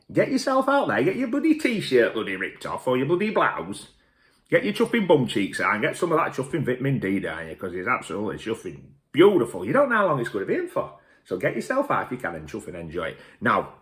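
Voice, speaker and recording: A man's voice: on the low side, fairly bright tone. A man hosting a show in a boisterous, sweary, rambling comic rant to camera. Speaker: host.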